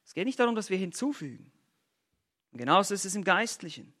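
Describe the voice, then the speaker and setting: A man preaching an expository sermon, emphatic and full of rhetorical questions and sarcastic asides, swinging between loud bursts and quiet lines. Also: high-pitched, sing-song, fast.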